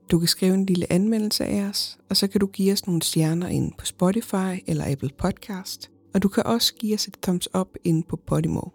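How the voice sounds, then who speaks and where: A woman hosting a podcast, reading a horror story in a measured, even storytelling manner. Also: fairly low pitch, slightly rough. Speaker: podcast host and narrator. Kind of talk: scripted horror story narration.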